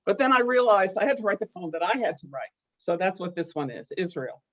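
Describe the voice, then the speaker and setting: A woman poet reading her work aloud in a slow, measured, deliberate way over a video call. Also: fairly low pitch, animated, highs cut off. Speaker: poet and small-press founder. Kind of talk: poetry reading.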